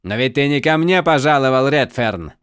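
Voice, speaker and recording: A man voicing a spoiled, hot-tempered young male count who shouts shrilly and orders people about. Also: mid-range voice, expressive, moderate pace, clean tone, no echo, clean studio sound, close to an everyday voice. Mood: sneering.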